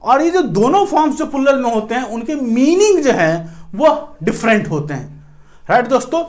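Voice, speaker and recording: A man with an Indian accent and a very high-pitched, sing-song, darkish voice teaches English grammar at a moderate pace in a classroom lecture. He mixes Hindi and English, calls viewers his friends, and checks in with "right" after nearly every sentence.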